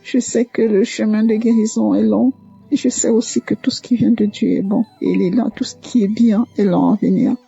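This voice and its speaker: A woman telling her personal faith testimony, hesitant and halting, full of fillers and restarts. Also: mid-range voice, fairly even intonation, gravelly, husky. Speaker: testimony caller. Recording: muffled lo-fi audio with soft music.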